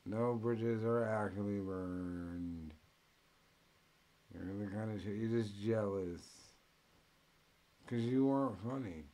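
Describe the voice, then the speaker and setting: Slow, ranting, mocking man. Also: fairly low pitch. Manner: mocking, profane, mimics others in loud bursts. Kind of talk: ranting commentary.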